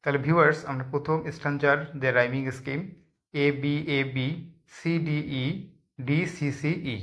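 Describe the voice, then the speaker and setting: A man's voice: fairly high pitch, flat delivery, normal speed, a bit bright. A man giving an online lesson in Bengali, asking questions and answering them himself as he goes through items one by one. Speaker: teacher. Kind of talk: online lecture.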